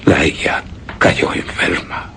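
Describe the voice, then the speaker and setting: In a Spanish-language suspense and horror radio drama, a male actor delivers a theatrical monologue as a grieving widower obsessed with his beloved's death, which he recounts. His delivery is solemn, halting and brooding, sinking at times into whispers, and the mood is one of anguished dread. Background noise can be heard.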